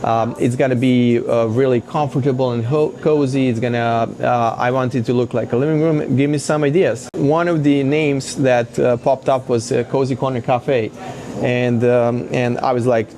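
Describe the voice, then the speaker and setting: Guest, thirties, halting casual talk, ordinary pitch. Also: male voice, fairly even intonation, mellow. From Serbia. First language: Serbian. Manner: hesitant, many fillers. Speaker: guest, café owner. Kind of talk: casual interview.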